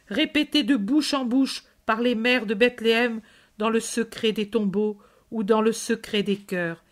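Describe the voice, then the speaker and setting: A woman's voice: a little high, natural voice. A woman voicing a compassionate male preacher giving a solemn, exhorting sermon.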